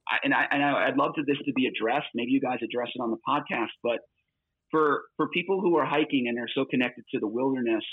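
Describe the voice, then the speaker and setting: A long-distance hiker joins a podcast as a guest over a remote call, his medium-pitched voice quick and a bit breathy. The tinny phone line is dry with no room sound, and he talks earnestly in a conversational interview, using plenty of fillers.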